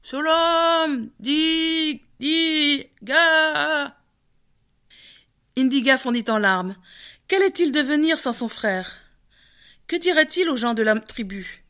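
A woman narrating a folk tale in a measured, expressive storytelling manner. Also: a little high.

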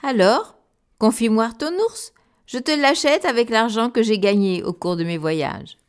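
A woman's voice: fairly high pitch, measured pace, smooth, close to an everyday voice. A woman voicing a poor, determined young male viking in a storybook, speaking earnestly.

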